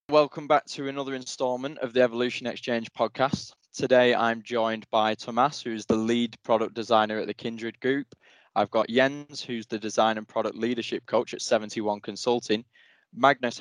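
A man hosting a panel podcast, introducing guests with polite, brisk remarks. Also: fairly low pitch, dry recording. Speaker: podcast host.

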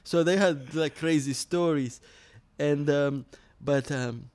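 An Iraqi man in his 30s, earnest and unhurried, tells his own story in an interview; his voice is on the high side with a darkish tone, and he takes it slowly.

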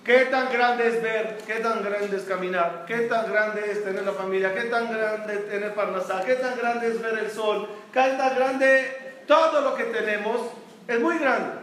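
A man from Israel gives a rabbi's talk in a high voice, asking his listeners one question after another and then answering. He sounds distant from the mic, in a room with heavy echo. Faint background noise sits under his voice. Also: fairly even intonation, unhurried, fairly bright tone. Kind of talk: Torah talk to an audience.

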